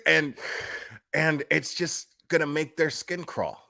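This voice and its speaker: Speaking slowly in a slightly high, bright, creaky voice with a forceful tone, this man sounds like an off-the-cuff streamer. He's blunt and emphatic, swearing freely as he delivers opinionated casual commentary.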